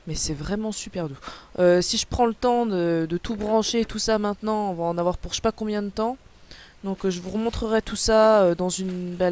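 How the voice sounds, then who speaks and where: A woman's voice: mid-range voice, darkish tone. A young woman chatting casually on a live unboxing stream, rambling with lots of fillers and answering chat messages aloud. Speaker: livestreamer.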